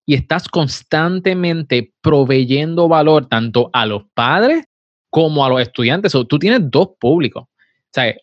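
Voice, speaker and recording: A man's voice: a little high, expressive, a little slow, no echo. Man hosting a podcast. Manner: affirming, asks questions, fillers. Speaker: podcast host. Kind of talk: conversational podcast interview. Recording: dry, slightly dull podcast audio.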